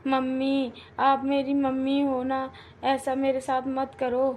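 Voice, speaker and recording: A woman's voice: sits high, monotone, slow, darkish tone, slight background noise. A woman voicing a meek young daughter-in-law in a homemade cartoon, pleading and tearful. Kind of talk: cartoon voice acting.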